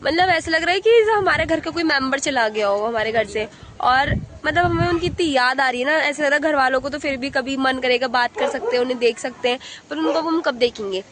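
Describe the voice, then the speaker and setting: Hoarse high-voiced young woman vlogging outdoors. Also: a little fast, noisy background. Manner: wistful, chatty, keeps repeating phrases. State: hoarse from shouting. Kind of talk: casual vlog chat. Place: rooftop in a windy hill village, outdoors.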